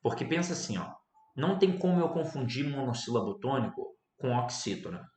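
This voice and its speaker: A man with a Brazilian Portuguese accent teaching an online grammar lesson, lively and loudly stressing words to show their syllables. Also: mid-range voice, brisk. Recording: roomy echo.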